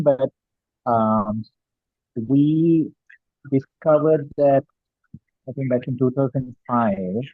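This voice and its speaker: Brief: low, husky man on a dry, tinny video call that keeps cutting out; hesitant, full of ums. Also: dry recording. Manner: hesitant, many fillers and restarts. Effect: choppy video call line that cuts in and out. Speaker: focus group participant from an education nonprofit. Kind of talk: casual explanation in a meeting.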